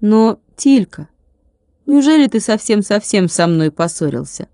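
Earnest little schoolboy pleading softly, a lady doing him, storybook voice, mellow tone. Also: mid-range voice, big pitch swings, a little slow, dry recording, studio quality. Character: earnest young schoolboy, fourth grader.

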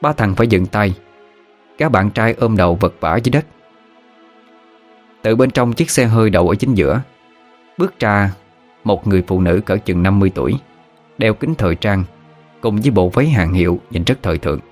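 A man reads a story aloud in a steady, even narrator's voice. His pitch sits on the low side, and faint music plays quietly under the reading. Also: moderate pace, long pauses. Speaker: audiobook narrator. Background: soft background music.

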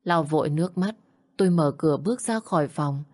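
A woman's voice: sits low, brisk, darkish tone. A woman narrating a first-person audio story in a plain, sorrowful way.

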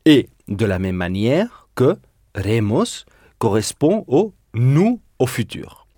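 Slow husky-voiced male language teacher. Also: medium pitch, big pitch swings, warm tone, dry recording, studio quality. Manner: patient, explanatory, stresses word endings. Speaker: Spanish teacher. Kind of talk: recorded language lesson.

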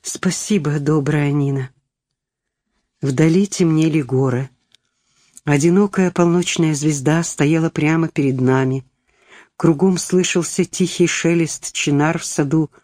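A woman narrating a storybook in a calm, measured way. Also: low-pitched, dry recording, clean studio sound. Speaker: audiobook reader. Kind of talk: scripted narration.

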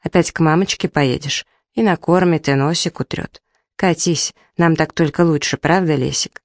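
A woman's voice: low-pitched, normal speed, no room sound. A woman reading the lines of a quarrelsome, sarcastic young wife aloud from a story, in a dry room. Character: sharp-tongued young wife, twenty-seven.

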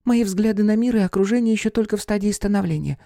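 Squeaky little squirrel golem girl, timid and polite, dry close sound, a guy voicing her. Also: fast talker, vocal fry, warm tone, no echo. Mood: earnest. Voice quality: squeaky, piping. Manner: meek, apologetic, formal. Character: small young female squirrel golem, timid.

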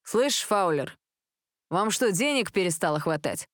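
A woman's voice: medium pitch, animated, measured pace, no room sound, studio quality, close to an everyday voice. A woman voicing a mocking, indignant teenage boy. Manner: mocking, accusing. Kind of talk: audiobook character voice.

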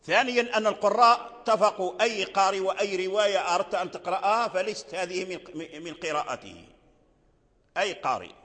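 An older man gives a slow, deliberate religious lesson in a fairly high voice. He repeats his phrases and breaks into short chanted verses. A long reverb hangs behind him, as in a large hall. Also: lively intonation, pushed and bright. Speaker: Quran recitation teacher. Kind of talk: religious lesson on recitation rules.

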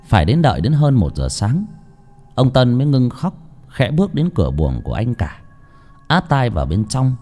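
Guy reading an audio story, warm low voice, really lively up and down. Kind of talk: audiobook narration.

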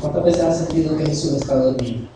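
A male pastor with a high voice preaches in call-and-response style, firing rhetorical questions at the congregation and slipping in jokey asides. His voice rings through a very echoey church hall and is picked up from well back from the mic. Faint noise sits underneath. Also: fast talker, distant mic. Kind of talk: sermon.

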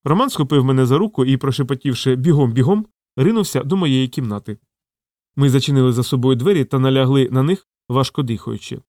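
A man's voice: medium pitch, fast, darkish tone, no echo. Man narrating an audiobook, dry close sound. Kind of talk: scripted narration.

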